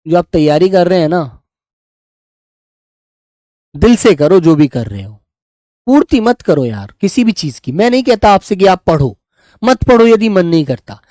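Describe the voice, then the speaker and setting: A man's voice: sits high, darkish tone. A man teaches a live online class, walking his students through quiz answers in a patient, coaxing way. He keeps calling on them and encouraging them as he goes. The sound is dry and close, with no room echo. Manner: coaxing, addresses students as beta.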